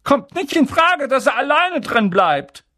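A man's voice: very high-pitched, big pitch swings, measured pace, bright, forceful tone, pitched above the performer's own voice, full character voice. A male audiobook reader voicing a snappish, scolding middle-aged aunt. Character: shrill, cross aunt, middle-aged woman.

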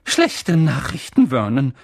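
A man's voice: mid-range voice, huge pitch swings, slow, vocal fry, heavily acted. A male audiobook reader voicing a snappish, scolding middle-aged aunt. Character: shrill, cross aunt, middle-aged woman.

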